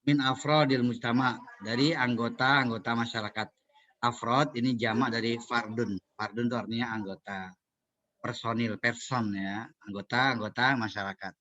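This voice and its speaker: A man giving a university lecture, explaining slowly in a chatty way and chanting recited lines. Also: mid-range voice, fairly even intonation, bright, forceful tone, dull audio.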